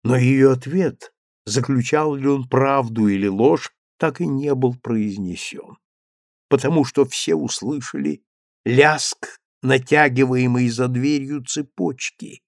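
A man narrating an audiobook in an expressive, animated manner. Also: medium pitch, slow, creaky, no echo, studio quality. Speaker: reader.

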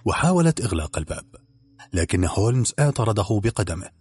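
A man narrating an audiobook in an expressive storytelling manner. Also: lowish voice, fast talker, husky, no room sound.

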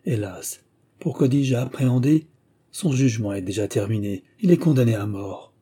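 A man reading aloud voices an agitated young man who speaks in a hesitant, hushed way. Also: medium pitch, expressive, moderate pace, slightly rough. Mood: grave. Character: agitated young man bearing grim news.

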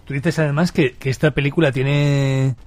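A man asking questions on a casual film podcast. He talks in a loose, conversational way and sometimes laughs at himself. His voice is mid-pitched and sits close and dry. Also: steady tone, normal speed, a little mellow, dry recording.

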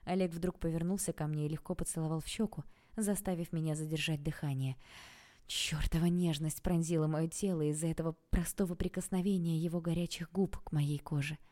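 Expressive woman narrating an audiobook. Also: low-pitched. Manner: expressive, acts out the dialogue. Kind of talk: first-person audiobook narration.

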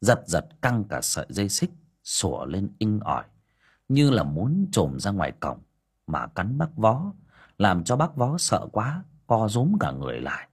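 A man narrates a ghost story in a low, husky voice. His storytelling is dramatic, with pitch that rises and falls widely. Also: huge pitch swings, unhurried. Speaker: audio story narrator, livestream host.

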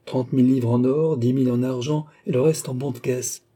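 A man reading a cold, composed count who calmly demands repayment, keeping a polite but unyielding manner. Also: mid-range voice, brisk, lightly acted. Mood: cool. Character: icy, composed male count and sorcerer-creditor.

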